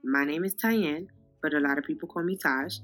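A young woman with a New York accent, hosting a podcast in a loud, unfiltered, casual way that speaks straight to listeners. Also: deep voice, normal speed, soft background music. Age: young adult. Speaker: podcast host.

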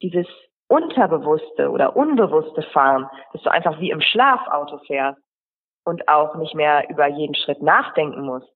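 Woman rhetoric coach, husky, explanatory, phone-thin sound, podcast interview. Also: low voice, very animated, moderate pace. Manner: explanatory, lists examples in runs. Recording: tinny phone-like line.

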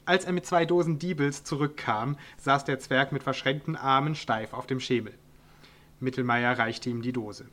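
A man's voice: mid-range voice, normal speed, a bit bright. A man reading his own comic story aloud in a dry, wry storytelling manner. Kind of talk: audiobook narration.

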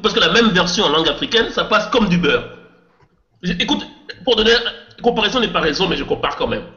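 A man's voice: sits high, lively intonation, fairly quick, pushed and bright. A man co-hosting a casual podcast panel, insistently repeating his point and putting questions to the group. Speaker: podcast co-host. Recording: muffled, roomy podcast recording.

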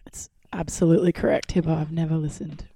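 An Australian woman chatting casually as a podcast co-host, her voice croaky and just back after illness. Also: sits low, level tone, quick pace, dark tone, no room sound. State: recovering from a cold-like bug, croaky. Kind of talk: casual chat.

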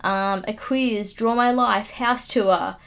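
A woman's voice: medium pitch, steady tone, slow, fairly bright tone. A young woman of about nineteen chatting on her own podcast, rambling and teasing herself, recorded close on a good mic at home. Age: late teens. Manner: chatty, self-mocking, giggly asides. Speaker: YouTuber. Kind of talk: casual solo podcast chat. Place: home room, upstairs. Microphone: studio microphone, close.

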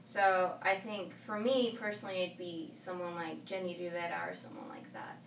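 A woman whose first language is Spanish chats casually while being interviewed as a singer. Her voice is low-ish and gravelly, fairly even in intonation and moderately paced. A distant mic in a noisy room makes the recording echoey.

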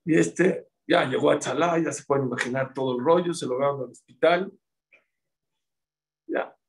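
A middle-aged man giving a religious class, telling stories in an animated way and repeating words for emphasis. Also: mid-range voice, moderate pace, gravelly, slight background noise, poor audio. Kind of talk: sermon with storytelling.

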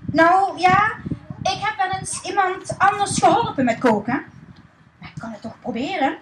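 A woman voicing a flustered, boastful mayor's wife who talks in a shrill, hasty way. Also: a little slow, reverberant, far from the mic, noisy background.

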